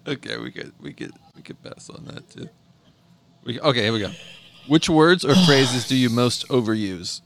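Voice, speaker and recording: A man's voice: medium pitch, lively intonation, normal speed, fairly bright tone. Dry, laid-back man co-hosting. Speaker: podcast co-host. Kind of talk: casual chat.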